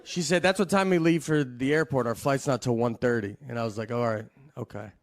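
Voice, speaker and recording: A man in his forties from the American South, doing a stand-up routine in a deadpan, slow, bemused storytelling manner. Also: medium pitch. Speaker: stand-up comedian. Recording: live theater with audience laughter.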